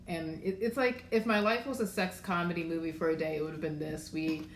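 Low-voiced woman telling a laid-back story. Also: fairly even intonation, brisk. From Maryland, USA. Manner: laid-back storyteller, full of filler words. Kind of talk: casual podcast chat. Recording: roomy echo, faint background noise.

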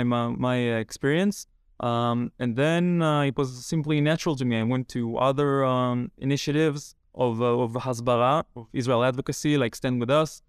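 A young man telling his story as a podcast guest in a measured way, with frequent pauses. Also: mid-range voice, clean tone, no room sound, studio quality. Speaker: guest, army reservist. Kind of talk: interview answers.

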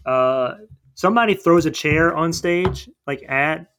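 Brief: man, fairly high voice, casual co-host, rambling and filler-heavy. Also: unhurried, fairly bright tone, slight background noise. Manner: rambling, thinks aloud with many fillers. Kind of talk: casual chat about a movie.

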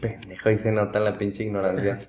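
A man's voice: lowish voice, little pitch movement, fast talker, muffled recording, a loud crowd. A young man with a Mexican accent chatting casually with friends in crude, teasing slang. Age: young adult. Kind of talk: casual chat among friends. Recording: echoey room with background noise.

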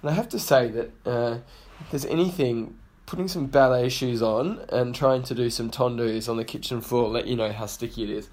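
A man giving a casual recorded update as a guest, halting and full of fillers. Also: medium pitch, darkish tone. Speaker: guest contributor.

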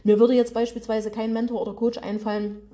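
A woman's voice: a little high, level tone, fairly quick, dark tone. German woman coach with a regional dialect. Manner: colloquial, direct, speaks straight to listeners. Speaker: business and mindset coach. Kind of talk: motivational podcast monologue. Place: her office.

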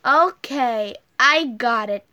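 A woman's voice: on the high side, slow, bright, forceful tone, smooth. Whiskers, a woman doing a sensible young tomcat. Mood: matter-of-fact. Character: sensible young male cat, team leader.

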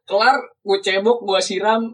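Husky young man telling a story far from the mic. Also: fairly high pitch, fast. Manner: animated storyteller, sudden loud outbursts. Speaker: podcast co-host. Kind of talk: casual podcast storytelling. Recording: distant mic in a room at home.

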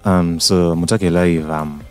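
Male guest from Uganda, low voice, easygoing and hesitant. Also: measured pace, smooth, faint music behind. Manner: relaxed, hesitant with many ums. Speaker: singer-songwriter guest. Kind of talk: radio interview.

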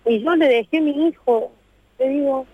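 A woman's voice: high-pitched, no echo. Distraught Argentine woman on a phone line. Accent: Argentine Spanish. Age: 30s. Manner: distraught, repeats herself, talks in long rushed runs. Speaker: interviewee on a radio show. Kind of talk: emotional phone interview. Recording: dry tinny phone line.

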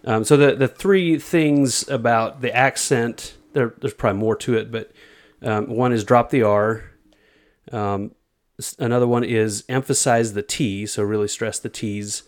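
A man presenting a little research to friends in a casual group chat, relaxed and halting, with many fillers and restarts. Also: medium pitch.

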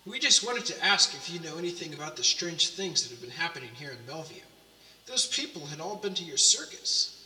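A man playing an earnest, excitable young investigator in an audio drama. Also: a little high, a little fast, full character voice. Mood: inquisitive. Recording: echoey hall, distant mic, music behind.

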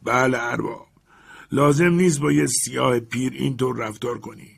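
A man narrating an audiobook puts on a timid, stubborn old servant who answers his master from high up a tree. The voice is pushed well above his own and loud. A gravelly, husky grain stays under it. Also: fairly even intonation, exaggerated voice. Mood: nervous, pleading. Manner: high strained pleading voice.

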